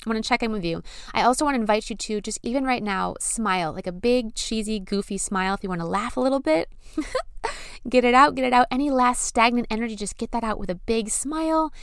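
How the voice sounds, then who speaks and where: A woman's voice: on the high side, fast talker, hardly any pauses, clean tone, dry recording. Gushing motivational woman, close dry recording. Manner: gushing, informal, slangy encouragement. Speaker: podcast host. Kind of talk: motivational talk with guided meditation.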